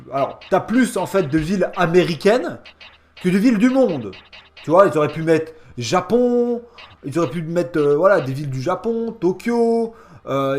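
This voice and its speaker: A man's voice: high voice, a little mellow. A man hosting a casual, sarcastic game review in a mocking, slangy and emphatic manner. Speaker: gaming video host.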